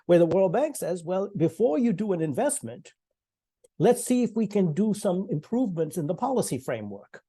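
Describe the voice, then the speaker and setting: Speaking in a high-pitched, warm voice, a Sri Lankan man in his sixties joins an online panel. His delivery is chatty and full of fillers and false starts, and he laughs lightly now and then.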